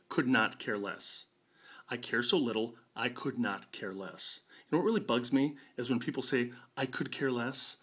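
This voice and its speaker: A man in his fifties with an American accent, a video blogger, delivers a conversational personal monologue. His voice sits at medium pitch with a fairly bright, slightly breathy tone. He comes across wry and emphatic, leaning on rhetorical questions.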